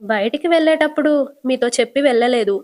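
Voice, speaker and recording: A woman's voice: sits high, a little fast, a little mellow, close to an everyday voice. A woman voicing a young adult daughter complaining back at her father. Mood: hurt defensive. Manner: complaining, defensive.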